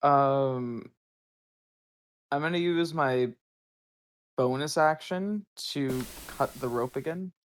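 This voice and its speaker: Brash excitable player. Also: mid-range voice, slow, pauses often.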